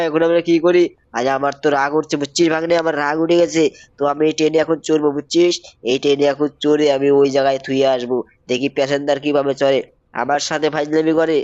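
A young man giving excited gameplay commentary, repeating himself and calling out to viewers. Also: on the high side, no echo, highs cut off. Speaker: gaming YouTuber.

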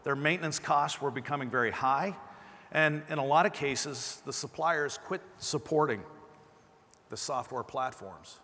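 A man's voice: on the high side, bright, forceful tone. A middle-aged man with a slight lisp, giving a keynote presentation on a conference stage through a lapel mic. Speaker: company presenter. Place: large conference stage indoors. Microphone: clip-on lapel mic. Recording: amplified hall with long reverb.

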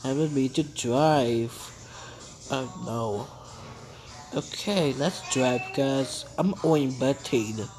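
Over music, a woman who animates as a hobby makes up a cartoon story on the spot, narrating with playful rambling and switching into voices for the characters. She speaks slowly in a rumbling low voice.

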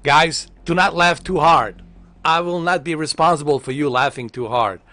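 This man's voice sits on the high side, sharp in tone and at a normal speed. He's in his thirties, streaming a game at home through a headset with a large foam mic, swearing, joking and teasing his chat as he plays.

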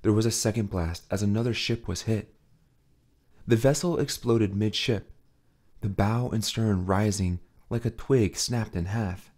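A man narrating an audiobook with a steady, dramatic reading. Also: fairly low pitch, measured pace. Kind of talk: scripted narration.

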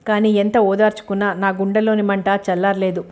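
A woman narrating a novel as an audiobook in the first person, with a steady, even storytelling read. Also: medium pitch, a little fast.

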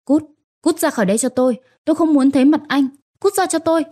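A woman's voice: fairly high pitch, fairly quick, mellow, no room sound, lightly acted. A woman voicing a young wife who is enraged and heartbroken over her husband. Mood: anguished. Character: young wife, furious and grief-stricken.

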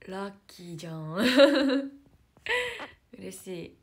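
Speaking slowly and expressively at a medium pitch, a young idol live streamer with a lilt chats casually to her phone livestream audience. There's a slight hiss or hum, and she hunts for words and lowers her voice to whispered asides.

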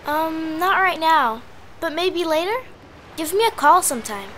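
Woman doing a squeaky damsel dog. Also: lively intonation, a little slow, background noise. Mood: flirty.

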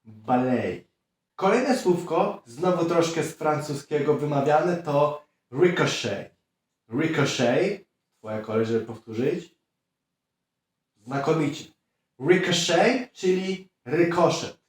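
A man teaching English pronunciation, drilling words slowly and clearly and prompting the listener to repeat. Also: on the high side, lively intonation. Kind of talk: pronunciation lesson. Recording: very echoey room, heard from a distance.

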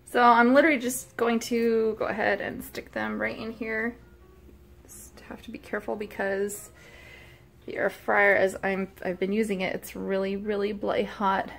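A cooking vlogger in her thirties chats casually while demonstrating a recipe in her small home kitchen, joking at her own expense and laughing easily. Her medium-pitched voice is flat in delivery and a bit creaky, recorded on a phone camera held close.

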